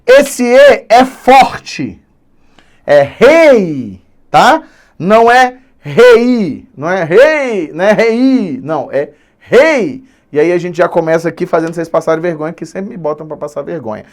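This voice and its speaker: A male Brazilian Portuguese teacher giving an online grammar lesson, animated and drawing out key words slowly for emphasis. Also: high voice.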